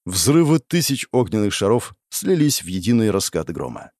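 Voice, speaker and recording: A man reads dramatic fantasy fiction aloud with an expressive storytelling delivery. His pitch rises and falls widely, and the recording is dry and close, with no room echo. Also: normal speed. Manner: expressive storytelling, voicing the characters. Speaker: audiobook narrator.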